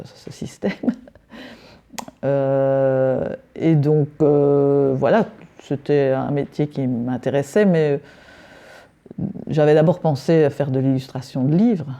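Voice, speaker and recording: A woman's voice: rumbling low, vocal fry, warm tone. A middle-aged woman from Belgium, answering interview questions hesitantly, with many fillers and restarts. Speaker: decorative painter, interview guest.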